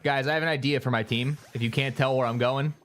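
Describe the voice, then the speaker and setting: Speaking quickly at medium pitch with faint music in the background, a live streamer gives chatty, wandering gameplay commentary. He talks to chat and has sudden excited outbursts.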